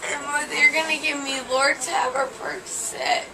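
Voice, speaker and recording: A young woman, groggy after anesthesia, chatting with slurred, drawn-out, emotional speech in a hospital room. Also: high voice, little pitch movement, a crowd in the background. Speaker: patient. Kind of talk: casual chat. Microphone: camera a few feet away. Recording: noisy phone video from a distance.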